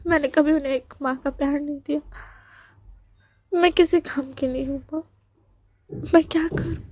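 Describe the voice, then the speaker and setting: A woman's voice: high-pitched, slight background noise, close to an everyday voice. A woman voicing a remorseful mother who pleads tearfully for forgiveness in a storytelling. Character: remorseful mother sobbing out apologies.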